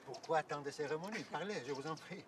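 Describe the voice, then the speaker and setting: An actor playing a courteous, explanatory Orthodox priest who guides visitors outdoors, hesitating now and then with fillers. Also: male voice, a little high, fairly quick, recorded from a distance, noisy background, close to an everyday voice. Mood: calm. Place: outdoors at an ancient site.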